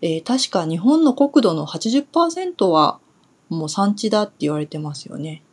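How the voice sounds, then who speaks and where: A young woman from Kumamoto in Japan, talking through a relaxed solo Japanese lesson in a chatty way, pausing on soft fillers as she thinks aloud. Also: lowish voice, husky. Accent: standard Japanese. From Kumamoto, Kyushu, Japan. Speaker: Japanese teacher.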